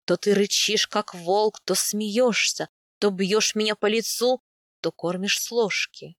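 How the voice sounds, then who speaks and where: A woman voicing a young steppe man, a teasing and tender captor, speaking low, slow and coaxing for an audiobook. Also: dry recording, clean studio sound, lightly acted. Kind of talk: audiobook character voice.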